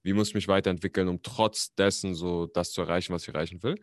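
A man, a podcast guest talking casually, relaxed and slangy, with English words mixed in. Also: deep voice, fast, no room sound, studio quality. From Germany. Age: 20s. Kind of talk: casual interview chat.

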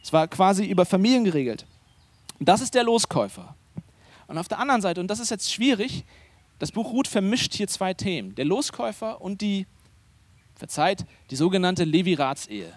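A man's voice: high voice, moderate pace, slightly rough, no echo. A man preaching a sermon as pastor, speaking conversationally and emphatically, often turning to the congregation with questions. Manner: animated, emphatic delivery.

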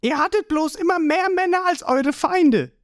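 Man doing a shrill, cocky boy pirate. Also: normal speed, no echo, clean studio sound. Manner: high, yelling, cocky. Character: brash cheeky boy pirate, fearless and loud.

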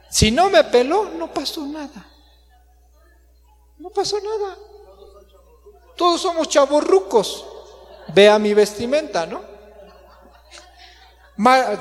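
A Mexican man in his thirties delivers a Sunday sermon in a conversational, joking style, often turning questions to the congregation. His voice sits high and moves a lot in pitch. The church hall leaves a long echo on every phrase. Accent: Mexican Spanish. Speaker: pastor.

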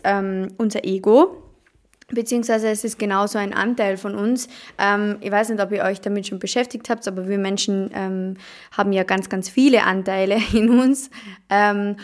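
A woman's voice: medium pitch, a little mellow. A woman hosting a self-help podcast, talking casually with many fillers and repeated words for emphasis. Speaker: podcast host.

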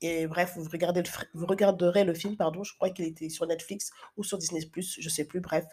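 A woman's voice: fairly low pitch, steady tone, brisk, darkish tone, a little hiss or hum. A woman in her thirties giving casual, chatty advice to young viewers, with frequent fillers and restarts. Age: 30s. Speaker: advice vlogger.

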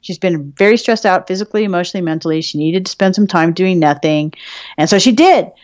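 A woman's voice: fairly low pitch, fast, darkish tone, no echo. Woman, podcast co-host, casual chat, swears a lot, laughs often, dry close sound. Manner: profane, laughing, chatty.

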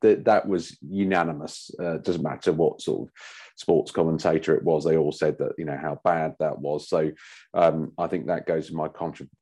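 A man's voice: rumbling low, fairly even intonation, normal speed, warm tone, slightly rough. A man co-hosting a podcast in casual chat, speaking hesitantly. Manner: hesitant, many fillers and restarts. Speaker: podcast co-host.

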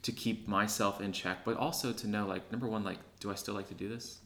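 A man's voice: on the low side, steady tone, fairly quick, fairly bright tone. A man co-hosting a podcast, talking earnestly and reflectively in casual chat, often checking in with his listener. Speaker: podcast co-host.

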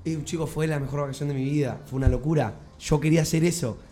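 A man's voice: on the high side, fast, soft background music. A young man with an Argentine Rioplatense accent jokes around in a casual podcast chat. He talks in loose slang and keeps the tone light and playful. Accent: Argentine Rioplatense Spanish. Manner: slangy, joking, lively. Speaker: podcast co-host. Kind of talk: casual chat among friends.

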